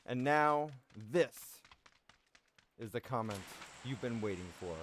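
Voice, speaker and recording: A casual male streamer talking to his chat while he plays, in an everyday mid-pitched voice. He runs viewer games between rounds in a relaxed, chatty way, and a faint hiss sits under the audio. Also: slow. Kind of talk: live gameplay commentary.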